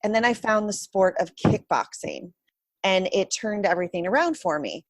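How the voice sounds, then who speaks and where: A woman's voice: mid-range voice, animated, normal speed, dry recording. A woman answering interview questions as a guest in a candid, reflective conversational way. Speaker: interview guest, self-confidence coach.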